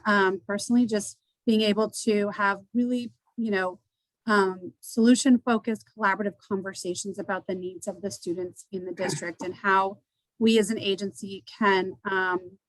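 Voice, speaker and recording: A woman's voice: medium pitch, no room sound, low-quality recording. A woman from a community agency presenting at a forum, explaining services in a hesitant way with frequent ums and restarts. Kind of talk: panel presentation. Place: indoor meeting.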